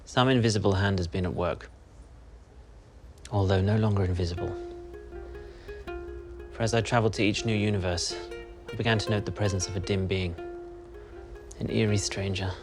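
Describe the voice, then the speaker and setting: An actor playing a formal, grave inventor lost between worlds, speaking with a posh English accent. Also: male voice, fairly low pitch, steady tone, moderate pace, pauses often, music in the background, close to an everyday voice. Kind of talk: film acting.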